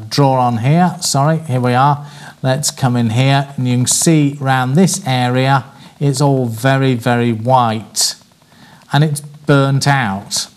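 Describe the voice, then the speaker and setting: A man teaching a class on presentation skills, speaking clearly and deliberately and slowing down to spell out words. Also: medium pitch.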